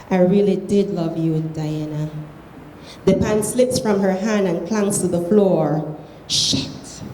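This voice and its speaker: Belizean lady reading fiction out loud, dark mellow voice, kinda measured but expressive, echoey room. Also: medium pitch. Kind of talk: literary reading aloud of prose fiction. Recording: echoey room, faint background noise.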